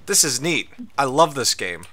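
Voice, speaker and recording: A man's voice: medium pitch, very animated, normal speed, crowd noise. A man streaming a game with a friend, swearing a lot and yelping when startled. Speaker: gaming streamer. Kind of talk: casual gameplay chat.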